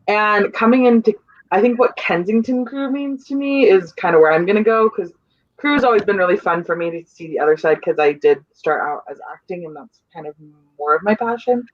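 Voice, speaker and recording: A young adult stage manager on a theater crew joins a casual panel chat over a dull, lo-fi video call, the sound dry and close. Her mid-pitched talk is earnest and rambling, searching for words and full of restarts as thoughts arrive.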